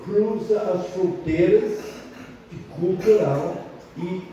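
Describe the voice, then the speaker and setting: A high, mellow male voice speaks slowly over slight background noise. The speaker, an older pastor from abroad rather than Brazil whose first language is not Portuguese, gives an emphatic, repetitive sermon in a learned language. It's recorded in a very reverberant church hall with a distant, muffled mic.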